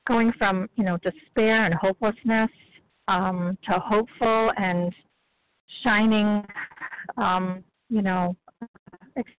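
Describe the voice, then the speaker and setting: A woman calling into a meeting from a mountain road, talking in a rushed, halting way over a bad connection that keeps cutting out. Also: medium pitch, steady tone, no echo. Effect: breaking-up bad phone connection. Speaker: caller in a phone-in recovery meeting. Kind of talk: casual sharing. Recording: tinny cutting-out phone line.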